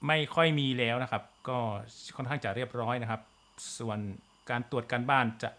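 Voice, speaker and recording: A man's voice: medium pitch, steady tone, a little fast, a bit bright. A man with a Thai accent teaching an online physics class, full of fillers and polite particles. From Thailand. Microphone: computer mic in video class.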